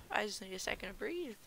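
A woman chats through her gameplay as a YouTuber, her voice bright with a gravelly edge. She panics easily, repeats herself in bursts and laughs nervously. A faint hiss of noise sits behind her desk mic. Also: medium pitch. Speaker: gaming YouTuber. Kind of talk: casual gameplay commentary.

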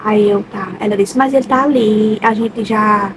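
A woman's voice: medium pitch, steady tone, normal speed, noisy background. A young woman from Brazil, a vlogger, tells her birth story in a chatty, emotional way, with many repeats and diminutives. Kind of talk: personal birth story, casual chat.

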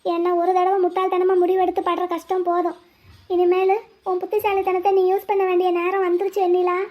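Cartoon lead: a scheming young village woman, very high voice, muttering plans to herself. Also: completely flat delivery, brisk, muffled recording. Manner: talks to herself, pleading and coaxing. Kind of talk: cartoon voice acting, inner monologue and dialogue.

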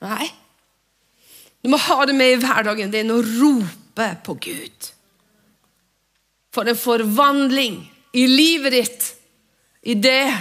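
A fervent woman preacher in a church, her voice sitting a little high. She moves between loud rising exhortation and soft whispered prayer. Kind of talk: sermon with spoken prayer.

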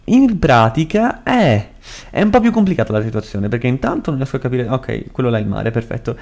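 A man's voice: mid-range voice, a little fast, vocal fry. Young florentine guy narrating his gameplay, swears a ton, voice jumps all over the place. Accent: Florentine Italian. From Italy. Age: young adult. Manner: excitable, swears a lot, shrieks when startled. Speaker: gaming youtuber. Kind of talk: casual gameplay commentary.

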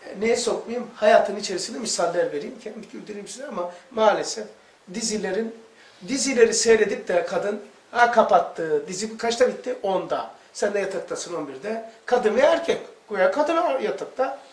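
A man's voice: high voice, expressive, normal speed. A man with a Turkish accent from Istanbul teaching a religious lesson, telling anecdotes, acting out dialogue and joking with a small group. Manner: storytelling, acts out dialogue, jokes with listeners. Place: indoor room with small group. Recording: echoey room, mic far off.

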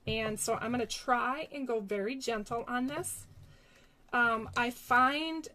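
A woman's voice: on the high side, takes it slowly, pushed and bright, slight background noise. A woman demonstrating card-making in a chatty, casual way, talking to her viewers as friends. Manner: chatty, giggly, talks to viewers as "you guys". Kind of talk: casual craft tutorial.

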